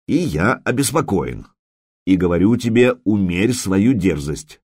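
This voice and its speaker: A man voicing a stern older warrior who lectures and warns in measured tones. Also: low-pitched, sing-song, a little mellow, slightly rough, full character voice. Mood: stern warning. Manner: lecturing, warning.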